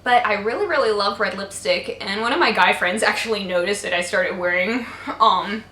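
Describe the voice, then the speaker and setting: A young woman chatting through her monthly makeup favorites in a bright, sharp voice. She gushes freely and scatters fillers through her talk. The sound bounces around an echoey room. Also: medium pitch, moderate pace. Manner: chatty and gushing, with many fillers. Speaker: beauty vlogger.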